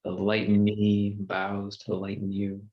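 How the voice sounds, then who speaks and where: A man hosting a group video call and guiding a gentle love practice in a calm, unhurried way. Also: fairly low pitch. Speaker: host and meditation guide. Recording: dull lo-fi video call audio.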